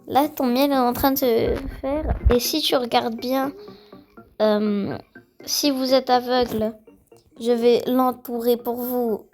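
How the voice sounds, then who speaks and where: A woman's voice: on the high side, fairly even intonation, takes it slowly, darkish tone, faint music behind, low-quality recording. A woman giving casual, rambling gameplay commentary full of fillers, now and then slipping into English words. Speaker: gaming video creator.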